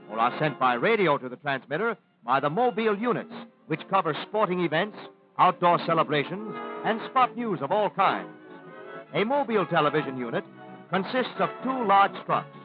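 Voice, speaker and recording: An American man with a fairly high, narrow voice reads scripted narration in the formal, declarative style of a 1930s newsreel announcer. The tinny audio sounds like a thin vintage film soundtrack from that era.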